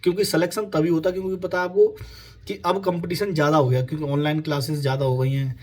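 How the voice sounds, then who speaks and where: A man's voice: fairly high pitch, flat delivery, fast talker, darkish tone. Casual young man giving exam advice. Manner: informal, repetitive fillers, addresses listeners as companions. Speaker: exam prep advisor.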